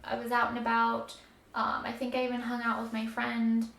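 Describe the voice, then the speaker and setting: A woman's voice: on the high side, monotone, normal speed, vocal fry, a bit bright. A woman telling a personal story casually to the camera, candid and conversational, with emphasis on how uncomfortable things were. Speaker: vlogger telling a recovery story. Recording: echoey room with faint background noise.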